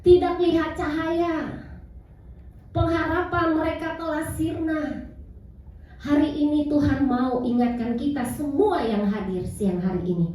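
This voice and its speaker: A middle-aged woman preaches with a high, mellow voice, often turning to the congregation and calling for amens. The sound is drenched in hall echo and picked up from a distance. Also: a little slow. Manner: repeatedly addresses congregation, calls for amen. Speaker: pastor. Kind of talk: sermon. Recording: very echoey hall, distant mic.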